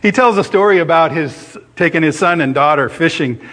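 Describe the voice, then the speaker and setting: A man's voice: on the high side, brisk, a bit bright. A middle-aged man preaching a sermon in a conversational way, telling a story with restarts and fillers and acting out the voices in it.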